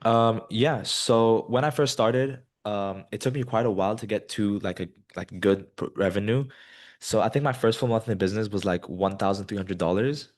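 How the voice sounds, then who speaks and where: At a moderate pace and a fairly low pitch, a Colombian guest in his twenties, a business student, responds to interview questions. He stays relaxed and meandering, leaning heavily on ums and you-knows.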